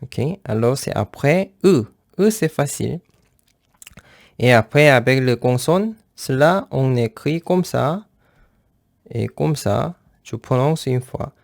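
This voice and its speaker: A man teaching a beginner language lesson, speaking slowly and patiently, repeating each syllable twice as he writes and explains step by step. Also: medium pitch, lively intonation, vocal fry, darkish tone, no echo, studio quality. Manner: simple plain phrasing, explains step by step.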